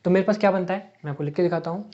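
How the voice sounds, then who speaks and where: A man's voice: high voice, racing, mellow, slight background noise. A man teaching a physics lecture, working steps on a board while asking and answering his own questions and mixing in English math terms. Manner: asks rhetorical questions and answers them step by step. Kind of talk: exam-prep lecture worked on a board. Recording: dull lo-fi sound.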